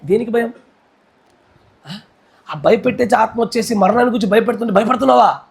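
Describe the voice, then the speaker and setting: A high-pitched man with a Telugu accent preaches a sermon. His delivery is fervent, and it moves between loud, shouted exclamations and quieter, intense speech. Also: fairly quick, gravelly. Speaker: pastor.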